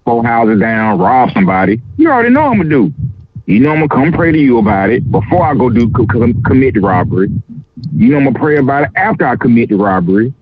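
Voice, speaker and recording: A man's voice: medium pitch, sing-song, fast talker, slightly rough, dry recording. A man on a podcast, talking casually and arguing a point step by step. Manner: argumentative, working through an argument. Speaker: podcast co-host. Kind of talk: casual chat, debating. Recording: lo-fi audio.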